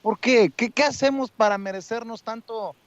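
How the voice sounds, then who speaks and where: Un hombre mexicano que hace de reportero callejero, entrevista a la gente con tono cordial y bromista. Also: male voice, very high-pitched, moderate pace, no echo. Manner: friendly, joking, coaxing. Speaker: street reporter. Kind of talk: street interview. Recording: dull lo-fi dry sound.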